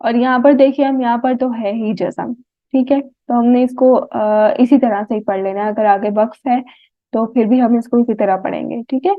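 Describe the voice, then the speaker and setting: A woman with a Pakistani Urdu accent teaching a tajweed lesson, sounding out Arabic words slowly and often checking "right?" with her students. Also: a little high, steady tone, dry recording. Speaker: Quran recitation teacher. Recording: tinny phone-like dry audio.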